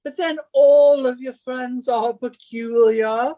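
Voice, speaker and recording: Through a muffled recording, a woman speaks slowly in a high-pitched voice with fairly even intonation. She plays a shrill, imperious, henpecking British wife in a radio suspense drama, nagging and scolding with theatrical emphasis.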